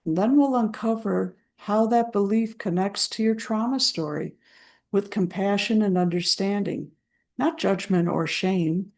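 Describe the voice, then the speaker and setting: A woman coaching listeners through trauma recovery in an unhurried, soothing voice. She lets her words land slowly with deliberate pauses between phrases. Her pitch sits in an ordinary middle range. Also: gravelly, darkish tone. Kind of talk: slow guided self-help talk.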